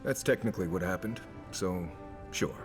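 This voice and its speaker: Man acting a wry, low-voiced companion. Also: moderate pace, music in the background, close to an everyday voice. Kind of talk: fantasy video game dialogue.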